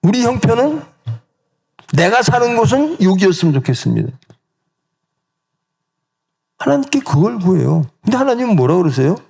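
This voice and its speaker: A male pastor in middle age delivers a sermon in a church. His voice is somewhat high for a man, with a gravelly edge and a very lively, rising-and-falling pitch. He keeps asking the congregation questions and slips into the quoted voices himself. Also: normal speed, pauses often. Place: church sanctuary.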